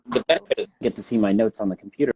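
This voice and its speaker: A man joining a live session as a guest over a video call, talking briskly while fixing his setup, his audio dropping and swelling in volume as the connection cuts in and out. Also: lowish voice, mellow, slightly rough, no echo, highs cut off. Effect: uneven volume, audio cutting in and out over a laggy connection. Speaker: guest, business owner. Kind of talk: casual chat.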